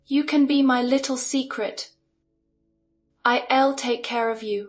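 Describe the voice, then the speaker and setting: A smug, patronizing young tech founder, voiced by a woman narrator in an animated revenge story. He talks down with fake pity and scoffs at anyone beneath him. Her voice sits a little high and barely changes for him. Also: slow pace. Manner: scoffing, condescending.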